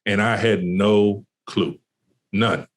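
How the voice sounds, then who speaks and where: A man's voice: on the low side, takes it slowly. A man, a basketball coach, telling a story in a casual podcast interview, with lots of fillers and restarts. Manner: animated when retelling conversations. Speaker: college basketball associate head coach.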